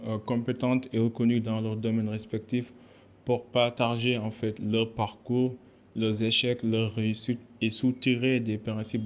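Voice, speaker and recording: Guy hosting a podcast, friendly upbeat, mid pitch, lots of euhs. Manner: friendly and upbeat, with hesitations and laughs. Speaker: podcast host. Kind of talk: podcast interview.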